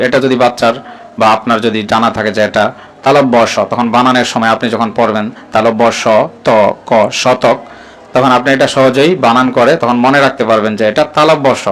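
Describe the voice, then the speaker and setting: Patient male teacher, Bangladeshi accent, mid-pitched voice, methodical letter-by-letter delivery. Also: fairly bright tone, poor audio. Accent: Bangladeshi Bengali. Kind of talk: explaining lesson to parents.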